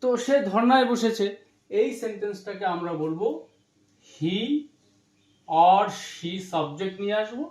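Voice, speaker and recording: A man teaching spoken English, explaining in Bengali and saying English phrases slowly word by word. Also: high voice, a little mellow, roomy sound.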